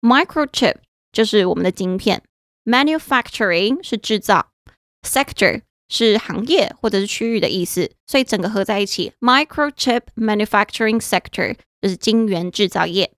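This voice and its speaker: A woman's voice: mid-range voice, animated, normal speed, fairly bright tone, no echo, clean studio sound. A woman with a Taiwanese Mandarin accent co-hosting a casual bilingual podcast lesson, translating phrases piece by piece with playful banter. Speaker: podcast co-host teaching English. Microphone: studio microphone with headphones.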